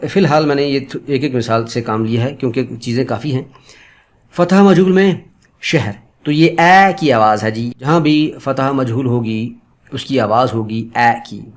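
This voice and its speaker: A man giving an online pronunciation lesson, explaining patiently and repeating example sounds slowly, politely addressing viewers as friends. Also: medium pitch, a little mellow. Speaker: Urdu pronunciation teacher.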